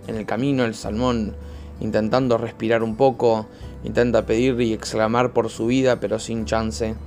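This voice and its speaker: A man gives a short religious talk, telling a parable and then explaining it with measured pauses. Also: fairly low pitch, flat delivery, a little mellow, faint music behind.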